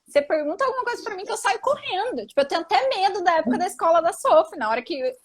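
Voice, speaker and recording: A woman's voice: very high-pitched, big pitch swings, racing. A woman in her thirties, co-hosting a live stream in casual chat, talking in a chatty, emphatic way. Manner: chatty, emphatic, says "tipo" and "entendeu" a lot.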